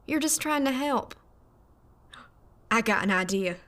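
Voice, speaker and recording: A woman's voice: a little high, animated, a little slow, fairly bright tone. An actress playing a chatty, sweet young woman ghost in an audio drama. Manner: bubbly, folksy, chatty.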